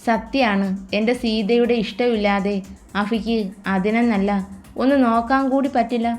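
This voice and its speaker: A doting young husband, tender and coaxing, teasing his wife with gentle affection, as a woman storyteller reads him in her own fairly high voice. A faint bed of music plays under the romance audiobook reading. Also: steady tone, normal speed, close to an everyday voice.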